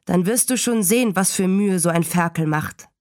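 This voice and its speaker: A woman voicing a farmer father who talks softly, slowly and gently. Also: fairly low pitch, no echo, studio quality, lightly acted. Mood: gentle. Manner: soft, slow and gentle.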